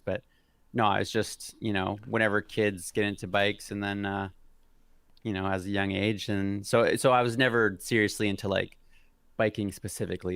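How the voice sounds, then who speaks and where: Hesitant and full of fillers and restarts, a mountain biker in his thirties chats as a guest in a casual video call interview. His voice is on the low side yet a bit bright, with vocal fry and no echo.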